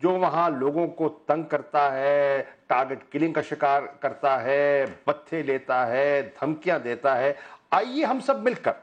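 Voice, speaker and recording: A man's voice: on the high side, muffled recording. A male guest in a political debate making a rousing appeal. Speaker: studio guest.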